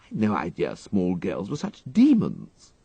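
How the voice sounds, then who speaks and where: A man voicing an excitable, flustered young upper-class English gentleman with an exclamatory manner and dated slang, in an audiobook. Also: low-pitched, measured pace, vocal fry, husky, no echo, heavily acted. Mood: bashful, uneasy.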